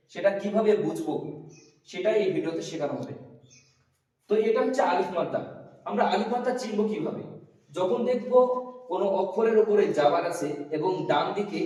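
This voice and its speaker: Tajweed teacher, male, high voice, slow drilled spelling, distant mic in a reverberant hall. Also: a little mellow. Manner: slow, deliberate letter-by-letter spelling. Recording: echoey hall, voice from far off.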